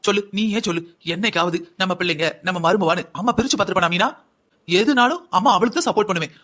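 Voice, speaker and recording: A man voices a stern middle-aged mother in a cartoon story, lecturing and scolding her daughter with rhetorical questions. His voice sits high, with a sharp tone and a very fast pace.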